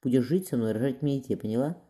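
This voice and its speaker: A man's voice: mid-range voice, expressive, fast, mellow, natural voice. A man voicing a cold, brutal nobleman who threatens and orders people about. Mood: menacing. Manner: threatening, hard commands.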